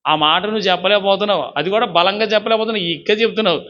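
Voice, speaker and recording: A man's voice: sits high, very fast, bright, forceful tone. A man preaching a sermon as pastor, fervently urging the congregation to repeat his words. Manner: fervent, urges congregation to repeat after him. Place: church service. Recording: dull lo-fi recording.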